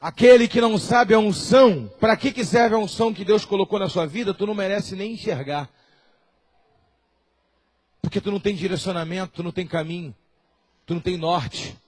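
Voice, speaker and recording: A man preaching a sermon in a Brazilian Portuguese accent, switching between quiet asides and shouted, acted-out quotes. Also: high-pitched, fairly quick. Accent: Brazilian Portuguese, Rio de Janeiro area. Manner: impassioned preacher, acts out quoted voices and shouts. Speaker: apostle preaching.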